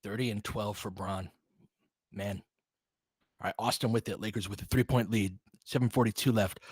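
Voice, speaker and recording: This fan-biased play-by-play host has a lowish, slightly rough voice, captured in a dry, clean studio recording. He calls live basketball casually, in brief informal bursts, getting emotional with each play.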